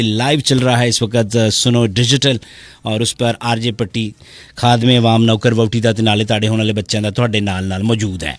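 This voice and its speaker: Taking calls and reading out messages, this male radio host keeps things casual, chatty, and playful in the studio, slipping into snatches of song now and then. He speaks at medium pitch, and the recording has no room sound.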